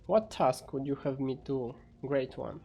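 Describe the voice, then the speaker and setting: A man's voice: mid-range voice, a little slow, gravelly, darkish tone, faint music behind. A man voicing a fearful, obedient sorcerer servant, deferential and formal, in an amateur fantasy game story. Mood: submissive.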